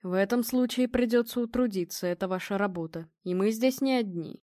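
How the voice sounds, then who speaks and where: A woman's voice: mid-range voice, fairly quick, dark tone, dry recording, studio quality, natural voice. Woman playing a confident commanding male medium.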